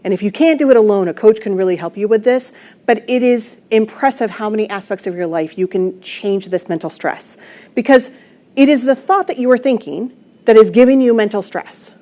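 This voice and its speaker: A woman's voice: medium pitch, a little fast, mellow. A woman coach leads an online talk, speaking earnestly and leaning on key points as she teaches. She has a mid-range voice and talks into a computer microphone, as on a video call. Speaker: wellness coach. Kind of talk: online presentation.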